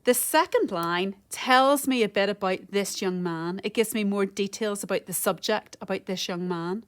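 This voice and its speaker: In a recorded home-learning lesson, a woman with a medium-pitched voice sounds out rhythms and counts syllables. She goes slowly and carefully, the way a primary school teacher would.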